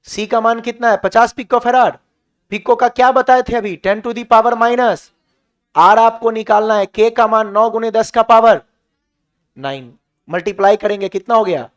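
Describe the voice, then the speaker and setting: Male physics tutor with a Bihari accent and a very high voice, quizzing students out loud. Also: normal speed. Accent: Bihari Hindi. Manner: questions the class and answers himself, drills points. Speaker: physics teacher. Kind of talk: classroom lecture.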